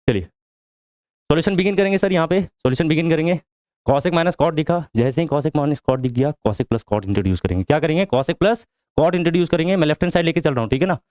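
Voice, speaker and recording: A man's voice: a little high, a little mellow, dry recording. Man teaching maths, asking and answering himself. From India. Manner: explains step by step, asks the class questions and answers them himself. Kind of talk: whiteboard lesson.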